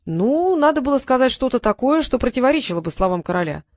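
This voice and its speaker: Woman reading as a young boy mage, nervous but quick-witted, eager raised voice, storybook, dry sound. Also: high voice, very animated, no echo, pitched above the performer's own voice.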